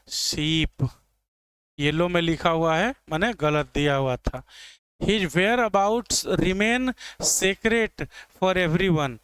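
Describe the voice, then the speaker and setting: Guy teaching english grammar, kinda high voice, super crisp and dry sound, keeps asking if it's clear. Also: a bit bright, dry recording. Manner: explains step by step, asks students "clear?". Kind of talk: classroom lecture.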